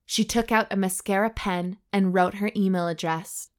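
A woman co-hosting a comedy podcast, reading a story aloud in a mock-serious, deadpan way between bits of banter. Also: medium pitch, moderate pace.

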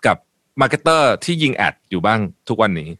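A man's voice: medium pitch, very animated, moderate pace, bright, forceful tone. A man with a Thai accent hosting a casual interview, asking curious follow-up questions. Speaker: podcast host, interviewer.

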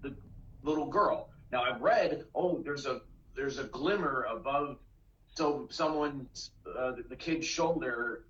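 Animated man in a roomy, dull recording. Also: medium pitch, takes it slowly. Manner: animated, acts out movie lines, swears casually. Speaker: podcast co-host. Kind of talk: casual movie chat.

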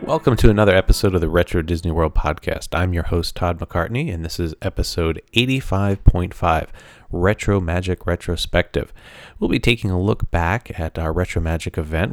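A man with a very deep voice hosts a podcast in a casual, chatty style. The sound is dry, with no room echo. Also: vocal fry. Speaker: podcast host. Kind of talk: casual episode introduction and live stream hosting.

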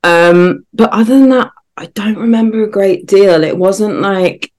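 A woman's voice: mid-range voice, unhurried, a little mellow. A woman guest on a podcast, reflecting on memories in casual chat.

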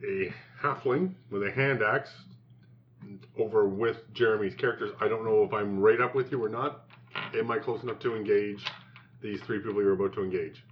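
A man playing a tabletop game, thinking aloud about his moves in a halting way. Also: fairly low pitch, fairly even intonation, muffled recording, a little hiss or hum. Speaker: player. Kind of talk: casual tabletop game talk.

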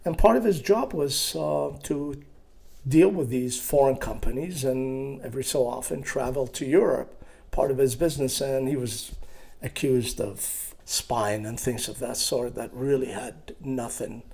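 A man in his sixties from Iraq, telling his life story in an interview with a hesitant, halting manner and many fillers. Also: medium pitch, gravelly, darkish tone, husky. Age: 60s. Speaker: guest.

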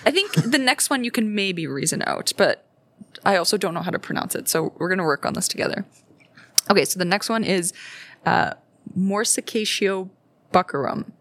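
A young woman with a Canadian accent, co-hosting a podcast as a medical student, lively, encouraging and giggly. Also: lowish voice, brisk, no echo. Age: young adult. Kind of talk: casual podcast chat.

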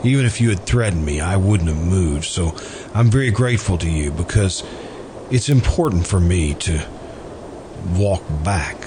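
A man acts out a gentle, well-mannered killer pining for love in an American radio play, his delivery hesitant, polite and calm. He sounds deferential but quietly stubborn, his low-sitting voice animated, over an amateur recording with an obviously noisy background.

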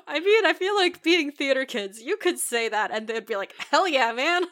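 A woman co-hosting a podcast in casual, animated chat, recapping a show and acting out quotes. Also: high voice, a little slow. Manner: animated, giggly, acts out quotes. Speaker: podcast co-host.

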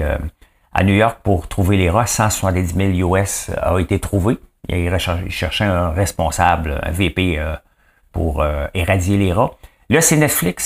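A low-pitched, vocal-fry voice belongs to a man with a Quebec French accent who hosts a daily news podcast. His commentary is casual and rambling, chatty and packed with fillers and asides.

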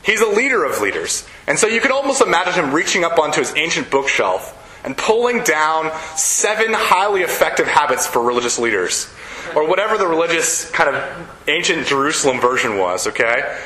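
A man's voice: fairly high pitch, very animated, brisk, pushed and bright. A man giving a conversational, joking sermon as a preacher, often checking in with his listeners. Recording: echoey room.

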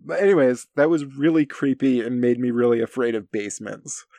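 A man chats casually as a film podcast co-host. His voice has a marked vocal fry and he feels his way through sentences haltingly. The sound is close and dry, without room echo. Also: medium pitch, fairly even intonation, mellow. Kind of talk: casual film discussion chat. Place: home basement. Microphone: recorded at his end of an internet call.

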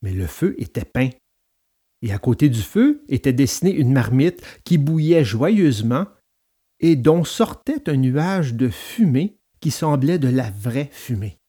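A man narrating a children's storybook aloud in an expressive, dramatic read-aloud manner. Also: mid-range voice, unhurried, husky.

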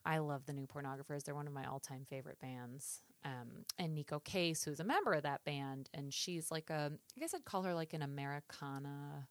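Woman co-host, low pitch, hesitant casual rambler, dry mic. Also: fairly quick, few pauses, no echo. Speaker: podcast co-host. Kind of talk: casual chat.

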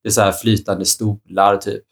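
Relaxed, chatty man with a lowish voice and a lot of filler words. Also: vocal fry, breathy edge. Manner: relaxed, chatty, many fillers like "liksom" and "typ". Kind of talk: casual chat.

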